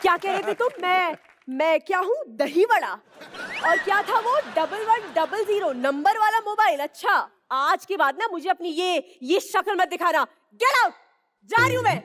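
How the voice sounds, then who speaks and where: A woman's voice: extremely high pitch, lively intonation, normal speed, a bit bright, long reverb tail, some chatter behind. A woman playing a furious wronged wife in a stage comedy sketch, scolding her husband. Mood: indignant. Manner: scolding and indignant. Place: TV studio stage with live audience.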